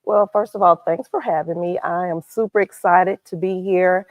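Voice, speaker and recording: A woman's voice: lowish voice, steady tone, moderate pace, no room sound. A woman in her fifties, a fitness coach and talk show guest, speaking enthusiastically with plenty of ums. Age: 50s. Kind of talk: casual interview chat. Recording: tinny phone-like sound.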